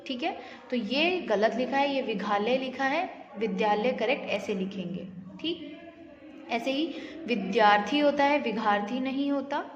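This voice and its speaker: A woman's voice: on the high side, animated, measured pace, background noise. A woman teaching a grammar lesson, asking her students questions and then answering them herself, with English words mixed in. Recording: echoey room, slightly dull audio.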